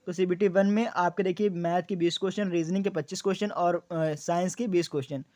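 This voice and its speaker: A man's voice: sits high, steady tone, brisk, a little mellow, no echo. A young man explaining exam details to students, repeating key points as questions and answers, with frequent fillers. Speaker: exam coaching YouTuber.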